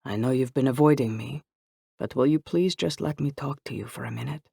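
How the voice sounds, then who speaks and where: A man reading an audiobook, voicing an earnest young man who speaks softly and slowly. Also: medium pitch, creaky, breathy edge, dry recording, clean studio sound. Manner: soft-spoken and slow. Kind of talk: audiobook character voice.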